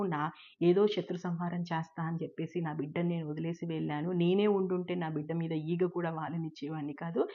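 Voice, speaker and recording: Woman reading a frantic, grieving warrior father for a spoken story, low voice, anguished, dull lo-fi sound. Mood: accusing. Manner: anguished, pleading, repeating questions. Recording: dull lo-fi recording.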